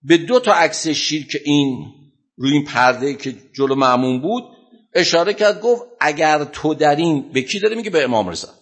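Husky, animated male preacher. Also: a little high. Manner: dramatic, animated retelling with sudden loud bursts. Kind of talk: sermon storytelling.

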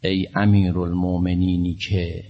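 A man's voice: low-pitched, level tone, warm tone, highs cut off, slight background noise. A male preacher telling a religious story in a sermon, shifting into impassioned appeals.

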